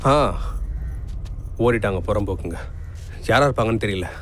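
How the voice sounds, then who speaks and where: An actor dubbing an intense, forceful man who is determined to find his missing sister. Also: lowish voice, moderate pace, slight background noise, lightly acted. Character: fierce, protective man searching for his sister. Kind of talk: dubbed film acting.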